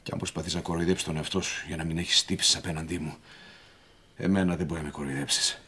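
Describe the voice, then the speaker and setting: An actor playing a middle-aged magazine boss who accuses a colleague of betrayal, furious and shifting from hushed to shouting. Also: male voice, fairly low pitch, natural voice. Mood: bitter. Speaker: magazine owner. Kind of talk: TV soap drama acting.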